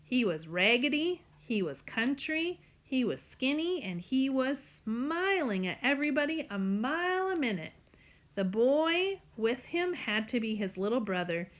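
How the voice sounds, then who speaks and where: Female audiobook narrator, earnest first-person storytelling, slightly higher pitch. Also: big pitch swings, a little slow.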